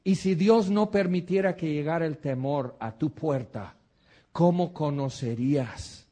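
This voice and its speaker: A man preaching a sermon, earnest and animated, full of rhetorical questions. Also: a little high, unhurried.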